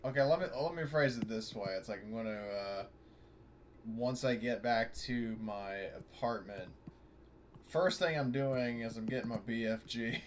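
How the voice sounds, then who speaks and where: This man, medium-pitched and moderately paced, is playing a tabletop RPG online and talking loosely in and out of character. His speech is hesitant and meandering, full of self-corrections, and the voice chat is noticeably noisy.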